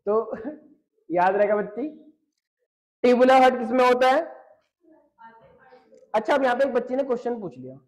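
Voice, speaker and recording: High-voiced joking male biology teacher. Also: normal speed, long pauses. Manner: jokey, teasing, talks straight to students. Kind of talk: online class lecture reading chat questions. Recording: dull lo-fi stream audio.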